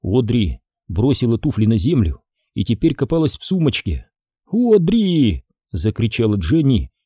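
A man narrating an audiobook in a steady, measured storytelling manner. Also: medium pitch, slightly rough, no echo, studio quality. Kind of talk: scripted narration.

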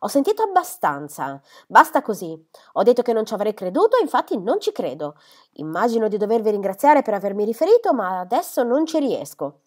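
A kindly middle-aged country doctor and protective father speaks in an earnest, steady manner, read by a woman. The voice sits a little low. It comes from a storybook reading. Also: fairly quick. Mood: indignant.

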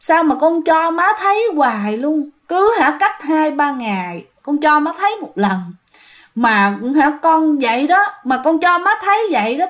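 A woman's voice: a little high, close to an everyday voice. A woman voicing the ghost of a dead young man speaking through a boy, sobbing and reproaching his mother. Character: dead young man's hungry ghost, tearful, pleading.

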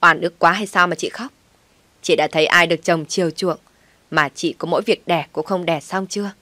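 A woman voicing a sharp-tongued, contemptuous older mother-in-law in an audio story, scolding loudly. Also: deep voice, steady tone, moderate pace, no room sound.

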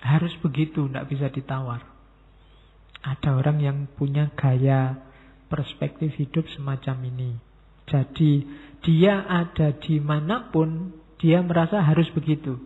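A middle-aged man, giving a relaxed, joking philosophy lecture to students and slipping in words. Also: a little high, measured pace, pauses often. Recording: tinny phone-like sound in a long-reverb hall.

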